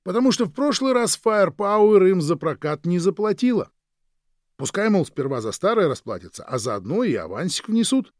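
A man doing a lively, worldly storyteller. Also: high-pitched, normal speed, dry recording, clean studio sound, voice pushed up. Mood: explaining.

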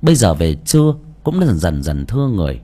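Husky, expressive male storyteller. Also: low-pitched, brisk. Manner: expressive, dramatic reading. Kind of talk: audiobook story narration.

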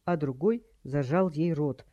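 Brief: steady audiobook narrator, warm mellow tone, dull lo-fi recording. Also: mid-range voice, measured pace, dry recording. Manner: steady storytelling.

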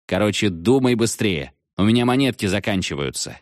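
A man voicing a seventh-grade schoolboy who shouts urgently down a payphone. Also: lowish voice, lively intonation, no room sound, studio quality, close to an everyday voice. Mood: brash. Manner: loud, urgent, hurried shouting. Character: excitable schoolboy on a payphone, about thirteen.

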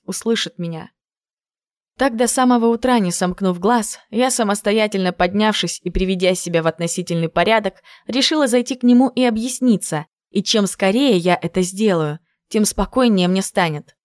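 A woman reading a first-person audiobook in an emotive, measured way. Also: mid-range voice, no echo, studio quality. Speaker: audiobook narrator. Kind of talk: first-person scripted narration.

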